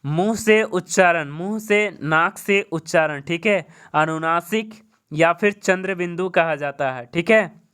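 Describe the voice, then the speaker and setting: A man's voice: high-pitched, measured pace, fairly bright tone, clear, resonant tone. A man teaching an exam-prep grammar lesson, who repeats each point, asks questions and answers them himself, and keeps saying "okay" as a check-in.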